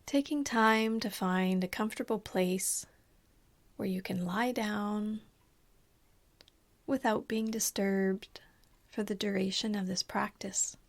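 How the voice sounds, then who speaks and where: Guiding a body scan, a female meditation teacher speaks in a mid-range, soft, breathy voice that frequently dips toward a whisper. Her pacing is unhurried and her manner calm and soothing.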